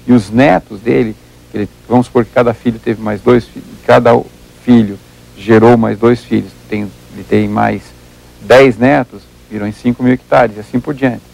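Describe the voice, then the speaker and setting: Gravelly husky Brazilian man explaining. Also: medium pitch, fairly even intonation, normal speed, darkish tone, rough recording. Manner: methodical, repeats words while thinking, works through examples. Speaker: livestock researcher, interview guest. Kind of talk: explanatory interview talk.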